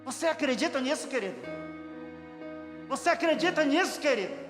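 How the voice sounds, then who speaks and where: A man preaching an impassioned sermon, bursting into shouted praise. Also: extremely high pitch, expressive, fairly quick. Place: church hall. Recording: echoey church hall with music.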